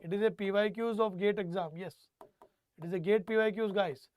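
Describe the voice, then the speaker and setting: A man's voice: sits high, steady tone, brisk, smooth. A man with a North Indian accent lecturing an online exam class, repeating phrases for emphasis and prompting students with questions. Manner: mixes Hindi phrases into English. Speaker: teacher.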